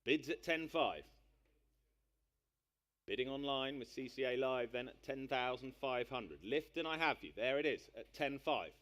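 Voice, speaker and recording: A man working as an auctioneer, calling bids live in a brisk patter of repeated numbers. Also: mid-range voice, expressive, a bit bright.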